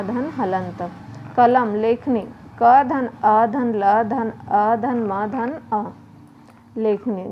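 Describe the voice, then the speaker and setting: A woman teacher going slowly through a children's worksheet, spelling words letter by letter and answering her own questions. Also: on the high side. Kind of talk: slow worksheet lesson for children. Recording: muffled home video with faint noise.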